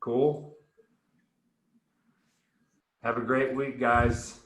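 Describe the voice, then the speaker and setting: A man's voice: medium pitch, level tone, drawn-out words, echoey room, a crowd in the background. A man coaching a group on nutrition in a casual, upbeat way, rambling a little and often restarting words.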